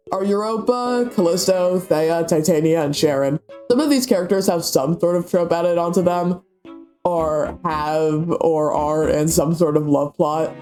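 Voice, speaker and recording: Stuffy-nosed male commentator, high but mellow voice, dry sarcastic rant, faint music underneath. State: stuffy from a cold. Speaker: YouTube commentator.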